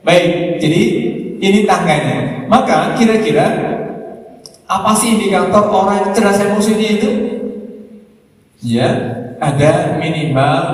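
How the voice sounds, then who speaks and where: A man giving an animated Islamic lecture, speaking straight to the congregation. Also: on the high side. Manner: animated, addresses listeners as Pak and Bu, acts out quarrels. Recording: echoey hall, voice from far off.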